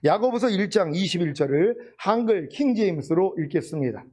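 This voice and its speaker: A man preaching with a high, bright pitch that leaps up and down with animation. He drives his points home emphatically, asking his congregation question after question. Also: animated, fairly quick. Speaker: pastor. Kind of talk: sermon.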